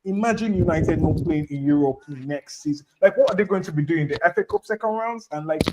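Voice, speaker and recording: A man's voice: on the high side, brisk, background noise. A man in a casual football chat, emphatic and full of fillers, repeating himself. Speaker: football podcast panelist.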